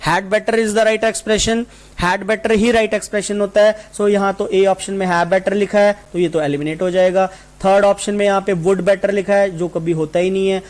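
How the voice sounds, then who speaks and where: A man runs an online exam-prep class. His voice sits fairly high for a man. He moves between Hindi explanation and slow, deliberate readings of the answer sentences. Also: little pitch movement. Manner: explains in Hindi mixed with English, reads answer sentences slowly. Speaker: English teacher for exam coaching.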